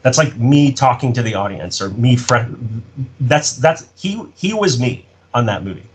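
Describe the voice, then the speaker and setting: A middle-aged man, a writer-director guest, chatting in a casual interview and telling stories in an animated, rambling way full of restarts and fillers. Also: medium pitch, moderate pace, slight background noise.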